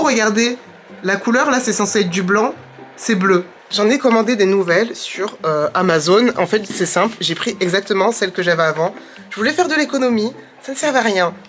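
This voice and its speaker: A young woman vlogging at home in a chatty, excitable way, exclaiming as she goes, recorded on a camera mic. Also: medium pitch. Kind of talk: casual vlog chat. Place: at home, indoors.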